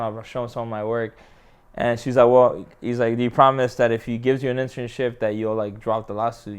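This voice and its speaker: Guy in his late 20s, mid-pitched smooth voice, slangy and sweary, keeps restarting. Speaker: guest. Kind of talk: casual storytelling.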